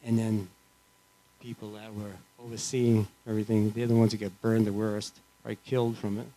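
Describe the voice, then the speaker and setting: A man giving an informal, earnest testimony in church, halting and restarting often as he speaks. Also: lowish voice, little pitch movement, dark tone, low-quality recording. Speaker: church member sharing.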